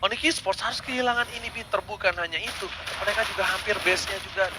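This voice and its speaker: Very high-pitched hype game announcer man. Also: quick pace. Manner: dramatic, stretches and repeats words for hype. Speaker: esports shoutcaster. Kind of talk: excited live game commentary like a fighting game announcer. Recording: clear background game noise.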